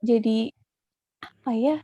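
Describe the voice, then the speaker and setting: A woman asking a personal question, halting and full of fillers and pauses. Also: on the high side, mellow, slightly rough, no room sound.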